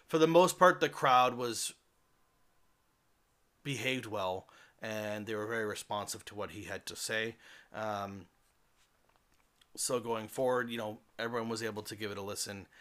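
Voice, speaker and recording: A man's voice: medium pitch, sharp tone. A man hosting a podcast alone, giving a casual, rambling review with many fillers and restarts. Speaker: podcast host.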